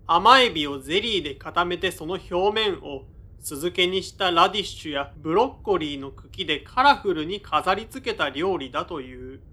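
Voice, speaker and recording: A man performs the role of a young male narrator in an audio drama, with an exaggerated, very bright, forward voice pitched a little high. He narrates his own story in understated, measured literary prose, showing deference to his elders.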